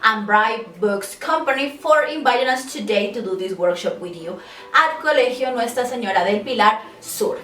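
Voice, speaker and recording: A woman from Colombia, hosting a craft workshop and giving cheerful, clear instructions to young children. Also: fairly high pitch, lively intonation, a bit bright. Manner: cheerful, slow and clear, talking to small kids. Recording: echoey room, mic at a distance.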